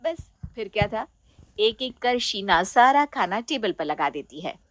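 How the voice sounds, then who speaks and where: A woman's voice: mid-range voice, big pitch swings, a little slow, no room sound, studio quality. A woman narrating a family storybook in a plain storytelling manner.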